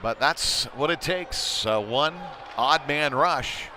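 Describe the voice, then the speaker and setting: In a slightly high, bright and forceful voice, a man slowly narrates a youth hockey game live from an indoor rink. He sounds conversational and a little hesitant between plays, with slight background noise present.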